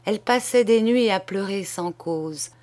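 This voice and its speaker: A woman reading a short story aloud in a measured, deliberate audiobook style. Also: medium pitch, darkish tone. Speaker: reader.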